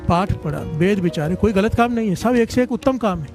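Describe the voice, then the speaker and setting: High-voiced man preaching a devotional sermon. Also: fairly quick, faint music behind. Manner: exhorting, repeatedly leads the congregation in call-and-response; animated, rises in pitch on exhortations. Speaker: Sikh katha preacher. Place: religious gathering before a congregation.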